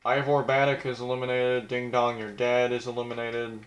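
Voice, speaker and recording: A man's voice: mid-range voice, little pitch movement, moderate pace, reverberant. A young man casually commenting on a video game, blunt and crude, mocking himself as he reads out who is eliminated.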